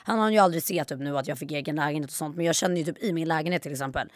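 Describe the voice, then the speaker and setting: In clean studio sound with no room tone, a low-pitched woman in her twenties, a YouTuber guesting on a podcast, tells animated stories in casual conversation. She raises her voice when acting out quotes.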